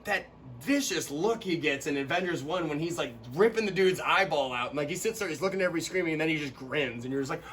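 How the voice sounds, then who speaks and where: Young male co-host, lively chatty delivery, slightly higher voice, faint background noise. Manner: animated, quick to laugh, bursts into quoted lines. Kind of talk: casual chat.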